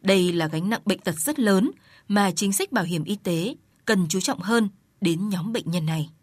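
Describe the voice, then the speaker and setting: A woman reporter reading scripted news narration in a steady, formal way. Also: mid-range voice, normal speed, husky, dry recording.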